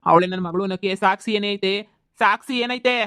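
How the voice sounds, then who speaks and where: A man voicing a bullying, foul-mouthed middle-aged village landlord who shouts insults and threats, in a comedy cartoon. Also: high-pitched, a little fast, clean tone, dry recording, clean studio sound. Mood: angry, threatening.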